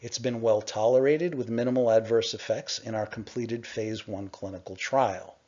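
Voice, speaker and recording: A middle-aged man on a conference call, presenting to investors in a measured, explanatory way with frequent "uh" pauses. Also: fairly low pitch, mellow. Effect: conference call line. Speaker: company executive presenting to investors. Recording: dull lo-fi conference call audio.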